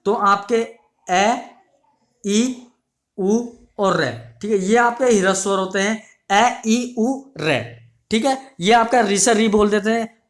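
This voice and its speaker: A high-voiced man leads a repetitive exam-prep grammar lesson, slowly drilling and repeating each definition. He raises questions and answers them himself, calling the students his dear children.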